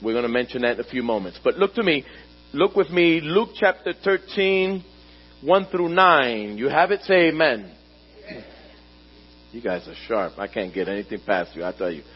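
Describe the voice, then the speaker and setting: A man preaching a sermon to his congregation at a pulpit microphone in a church, slowing down to stress key words and calling on the listeners to answer back. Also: mid-range voice, sing-song, slightly rough, faint music behind. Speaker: pastor. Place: church sanctuary. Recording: dull recording with mains hum.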